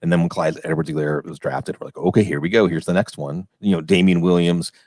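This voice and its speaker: Deep-voiced man talking fantasy football. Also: fairly even intonation, fast talker, a little mellow, no room sound, studio quality. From western Pennsylvania. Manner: talkative, rambling, asks questions. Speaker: fantasy football podcast host. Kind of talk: casual chat.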